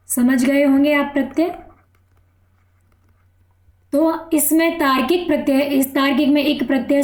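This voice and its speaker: A woman's voice: high-pitched, darkish tone, reverberant. A woman teaching an exam-prep Hindi grammar lesson, asking the class questions and then answering them herself in a coaxing way. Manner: asks questions and answers them herself, calls listeners "beta".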